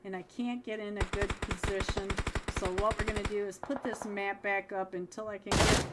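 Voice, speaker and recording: A woman calling a mobile esports match alone, chatty and upbeat, with bursts of excitement at big plays, and losing her voice. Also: medium pitch, moderate pace, heavy background noise. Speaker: esports caster. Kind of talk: solo live game commentary.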